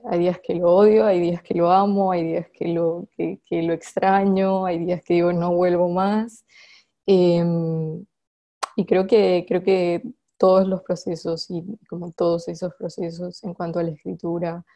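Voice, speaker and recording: A woman answers reflectively in an interview as a poet, haltingly, often repeating words as she searches for the next one. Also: lowish voice, dark tone. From Colombian Caribbean coast.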